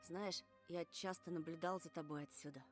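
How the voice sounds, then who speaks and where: A woman's voice: lowish voice, steady tone, normal speed, faint music behind, lightly acted. A woman voicing a shy, earnest young schoolboy artist in a visual novel game. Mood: hushed, earnest.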